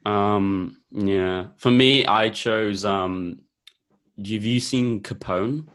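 Deep-voiced young man rambling casually. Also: extremely slow, fairly bright tone, clean tone. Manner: rambling, laid-back, heavy use of filler words. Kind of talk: casual chat about films.

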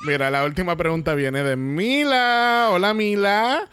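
A man's voice: sits high, unhurried, heavy background noise. A man with a Puerto Rican accent co-hosting a casual podcast, mixing Spanish and English and laughing often. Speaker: podcast co-host.

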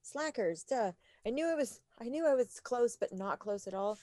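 A woman's voice: fairly high pitch, normal speed, dry recording, studio quality. A woman co-hosting a podcast in casual chat, laughing and swearing freely as she tells stories. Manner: swearing, laughing, animated storytelling. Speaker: podcast co-host.

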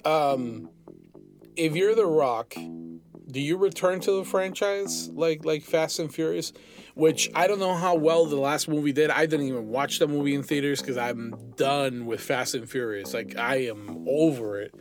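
A man's voice: fairly high pitch, measured pace. Sarcastic man chatting over guitar music. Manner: joking, sarcastic commentary. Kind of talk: casual chat.

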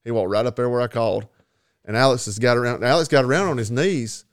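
A man talks like a host among friends. His storytelling is casual, folksy and colloquial, in a mid-pitched voice. The sound is dry and close. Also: fast talker, dry recording. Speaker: podcast host. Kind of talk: casual chat, hunting storytelling.

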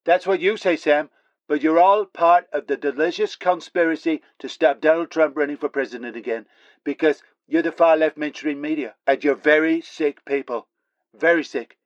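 Brief: a man doing a bombastic conspiracy pundit, fairly high voice, dull lo-fi remote feed. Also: normal speed, no echo, natural voice. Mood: ranting. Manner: blustering, heckling, repeats the host's name. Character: ranting conspiratorial male pundit. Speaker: political pundit on remote link.

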